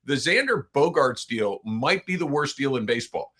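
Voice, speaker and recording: A middle-aged man with a bright, forceful voice co-hosting a sports podcast. He talks in an opinionated, animated way and often slips into quoted asides. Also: mid-range voice, normal speed. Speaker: podcast co-host.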